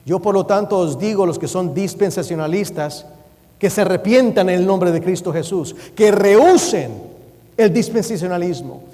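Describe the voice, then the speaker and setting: A man's voice: sits high, normal speed, mellow. A man preaching a sermon in a church, urgent and emphatic, reading scripture aloud. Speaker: preacher and Bible teacher. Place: church sanctuary. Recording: long reverb of a church hall.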